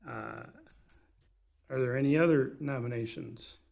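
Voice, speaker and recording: A man with a measured, gravelly delivery, speaking formally as the chair of a commission meeting. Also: medium pitch, darkish tone. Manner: measured, procedural. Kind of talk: formal procedural meeting talk. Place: public meeting room.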